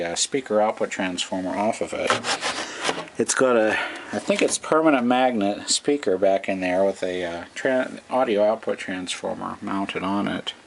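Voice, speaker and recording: With a lowish, slightly bright voice, a middle-aged man who restores vintage radios as a hobby talks casually through his work, unscripted and hesitant, thinking aloud. The audio comes from the camera's own microphone in a noisy amateur camcorder recording.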